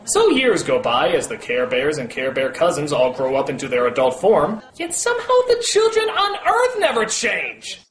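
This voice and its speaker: A man's voice: on the high side, huge pitch swings, moderate pace, few pauses. A man hosting a comedic film review, sarcastic and exasperated, prone to outbursts. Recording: echoey room, music behind.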